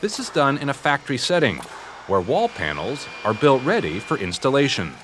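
A man's voice: medium pitch, sing-song, a bit bright, a little hiss or hum. Polished male TV host narrating. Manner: smooth, measured presenter delivery. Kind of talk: scripted documentary narration. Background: background music under the voice-over.

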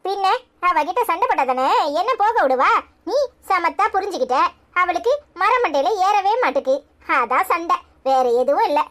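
Woman voicing a cartoon mother: Tirunelveli accent, high, grumbling, headstrong. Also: animated, moderate pace, fairly bright tone. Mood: fond. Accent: Tirunelveli Tamil. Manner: sulky, complaining.

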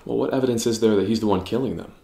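An actor playing a curious young podcaster-investigator who narrates and questions in a measured way in an audio drama. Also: male voice, lowish voice, gravelly, mellow, slightly rough. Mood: pondering.

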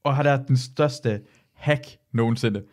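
Ranting man in casual chat. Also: medium pitch. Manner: animated, ranting, swears freely. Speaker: podcast host.

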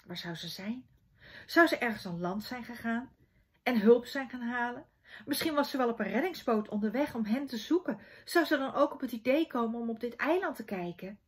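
A woman from the Netherlands reading a children's book aloud in an expressive storytelling manner. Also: a little high, normal speed, breathy edge. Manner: expressive storytelling, softening to a hush in quiet scenes.

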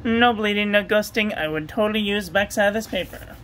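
A woman reviewing ink and paper at a home desk, talking through a steady, repetitive checklist and getting excited about the ink colors. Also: medium pitch, brisk, slight background noise, low-quality recording. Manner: enthusiastic over ink colors. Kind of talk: casual product review voice-over.

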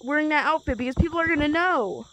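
A woman hosting a casual gaming video, talking in an excitable way with loud exclamations. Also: high voice, quick pace, slight background noise. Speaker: host.

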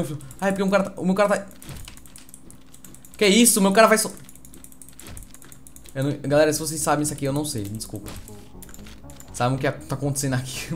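A man with a Brazilian Portuguese accent, doing joking let's-play commentary and calling out excited greetings to his viewers. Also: fairly high pitch. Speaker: gaming youtuber.

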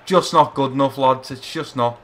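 A man giving excitable live commentary while playing a football video game, shouting encouragement at his players. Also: medium pitch, normal speed. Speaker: gamer playing a football career mode.

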